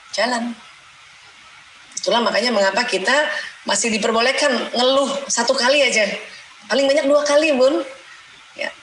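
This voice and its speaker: A middle-aged woman giving a religious lecture in a lively, conversational way, acting out mothers' prayers and complaints. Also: sits high. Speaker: Islamic lecturer and doctor. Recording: roomy echo, faint background noise.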